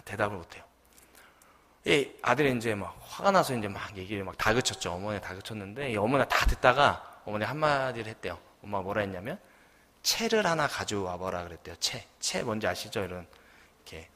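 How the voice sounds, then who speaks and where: Storytelling young preacher in a reverberant church. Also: male voice, lowish voice, bright, forceful tone. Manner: storytelling, asks the congregation questions. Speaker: junior pastor. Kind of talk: sermon. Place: church sanctuary. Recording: long church hall reverb.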